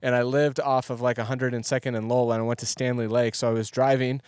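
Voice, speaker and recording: Relaxed conversational male pastor. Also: medium pitch, fast talker, no room sound, clean studio sound. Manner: relaxed, conversational, asks follow-up questions. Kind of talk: casual podcast chat.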